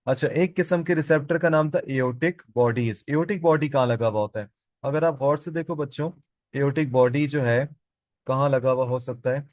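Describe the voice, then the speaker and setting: A man's voice: mid-range voice, moderate pace, a little mellow, no room sound. A man teaching biology in a classroom, asking his students questions and answering them himself, and repeating the key terms. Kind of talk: classroom lecture.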